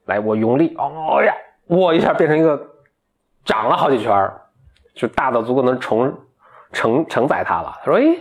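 Guy telling an old folk tale to a friend, relaxed and chatty, does little voices for the characters. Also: medium pitch, moderate pace. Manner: chatty, voices the characters lightly, laughs at the story. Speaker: storyteller. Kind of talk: casual retelling of a folk tale.

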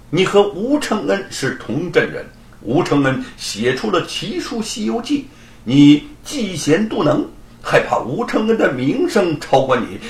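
A shrewd old-time magistrate, as a storyteller puts him on, measured and official with a dry mocking edge. The voice rises and falls widely. There is a roomy echo on the recording. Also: male voice, on the high side, exaggerated voice.

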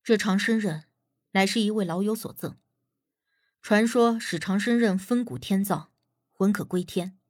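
A woman voicing a calm, reserved young man who speaks tersely and quietly in old-fashioned phrasing, in an audiobook reading. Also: medium pitch, a little slow, pauses often, pitched below the performer's own voice, close to an everyday voice.

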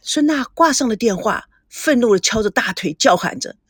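A woman narrating an audiobook in an expressive storytelling manner. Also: fairly high pitch, moderate pace, breathy edge, dry recording, clean studio sound.

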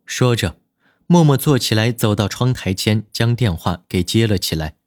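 A man with a lowish voice reads a romance drama aloud with expressive, lively storytelling. His pitch rises and falls widely. The sound is dry and close, with no room around it. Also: normal speed, no echo. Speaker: audiobook narrator. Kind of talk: scripted dramatic narration.

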